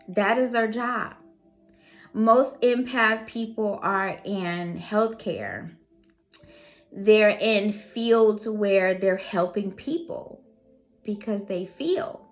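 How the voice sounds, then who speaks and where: A woman's voice: medium pitch, lively intonation, extremely slow, soft background music. A woman who does readings, talking earnestly and casually to her audience, repeating phrases for emphasis. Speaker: psychic reader and host. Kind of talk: casual motivational talk.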